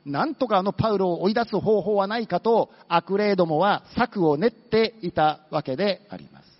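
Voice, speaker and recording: Guy preaching in a church hall, high voice, muffled sound with long echo, tells it like a story. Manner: storytelling, acting out demons with quick asides. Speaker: pastor. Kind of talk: sermon.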